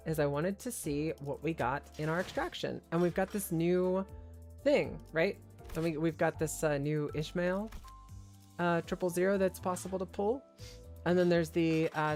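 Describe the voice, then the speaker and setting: A male streamer gives casual commentary while playing a game, rambling and thinking aloud. His voice is hoarse and tired, sitting on the high side.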